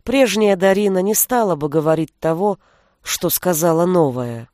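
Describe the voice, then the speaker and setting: A woman narrating an audiobook in a steady, even storytelling voice. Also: on the low side, moderate pace, no echo, clean studio sound. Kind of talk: scripted narration.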